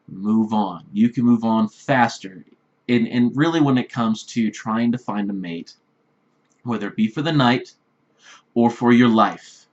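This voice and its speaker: Blunt man giving dating advice. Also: on the low side. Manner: blunt, repetitive, emphatic advice with frequent "right?". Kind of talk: direct-address advice vlog. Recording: slightly dull lo-fi recording.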